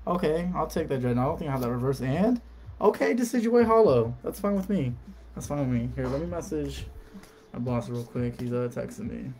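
A man's voice: mid-range voice, fairly quick, dark tone. A man chatting casually on a live stream, reading out card names and talking to viewers.

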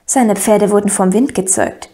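A woman's voice: medium pitch, steady tone, moderate pace, warm tone, natural voice. A woman reading an audiobook, voicing a proud young noblewoman who speaks in a teasing, knowing way.

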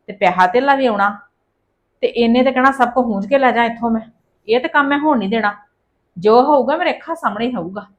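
A woman playing a complaining, sharp-tongued daughter-in-law in a family drama. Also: on the high side, highs cut off, close to an everyday voice. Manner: complaining, sarcastic, mutters asides.

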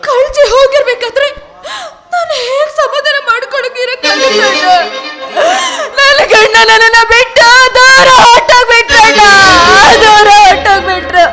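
A woman's voice: very high-pitched, normal speed, pushed and bright, faint music behind. A woman playing a young wife who has just lost her husband, wailing and pleading with her brother on a village stage. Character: grieving young widowed wife. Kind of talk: village stage drama acting.

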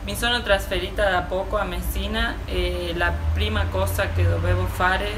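A woman's voice: mid-range voice, fairly even intonation, moderate pace, background noise. A woman in her thirties, a non-native speaker with a foreign accent, giving a casual testimonial to camera and searching for her words. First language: not Italian. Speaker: hair salon client. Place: outdoor courtyard. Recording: music behind the voice.

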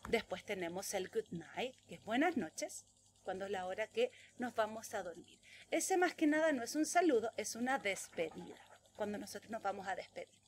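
A woman teacher, giving a virtual English lesson to preschoolers and drawing out the English words slowly and loudly for them to repeat. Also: mid-range voice, expressive, a little hiss or hum. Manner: exaggerated, slow, loud drill words for children to repeat.

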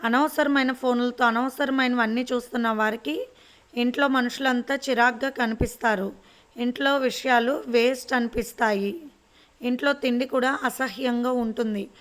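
A woman narrating a serial romance story in a steady, even reading. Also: fairly high pitch, normal speed.

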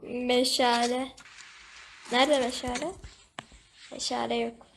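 A woman's voice: on the high side, little pitch movement, takes it slowly, very noisy. A woman giving casual, chatty commentary over her gameplay, talking to the game animal and to her viewers. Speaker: gaming video host.

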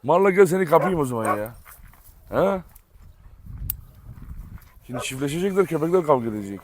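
A man's voice: fairly high pitch, very animated, a little fast, a little hiss or hum. A man vlogging outdoors in a yard, chatting with viewers and playfully calling and scolding his dogs. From Turkey. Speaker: vlogger, dog owner. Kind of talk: casual vlog talking to dogs and viewers.

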